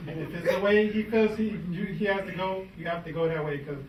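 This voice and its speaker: A grandson speaks at his grandfather's funeral in a halting way, stopping and starting again. His voice is slightly higher than most men's. He is heard from far off in a roomy space, with clear background noise. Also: steady tone. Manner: halting, with fillers and restarts. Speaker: grandson of the deceased. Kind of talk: funeral tribute speech.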